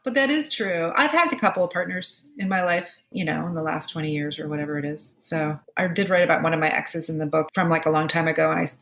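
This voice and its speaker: Gravelly-voiced woman, around fifty. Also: low-pitched, a bit bright. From United States. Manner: chatty, thinks aloud with many fillers. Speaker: guest author. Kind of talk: casual conversation.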